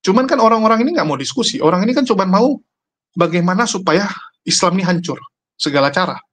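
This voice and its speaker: A man's voice: high voice, expressive, fast, fairly bright tone, slight background noise. A man giving casual, argumentative commentary to his viewers, mocking his opponents.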